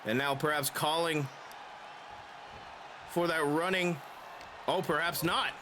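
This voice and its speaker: A man giving excitable play-by-play as a wrestling commentator, shouting and stretching out the big calls. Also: a little high, slow pace, a crowd in the background, background noise.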